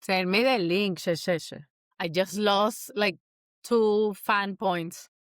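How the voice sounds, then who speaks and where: A woman's voice: medium pitch, takes it slowly, clean tone, no room sound, clean studio sound. A woman co-hosting a casual sports podcast, giggly and self-deprecating as a new fan. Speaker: podcast co-host. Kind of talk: casual chat.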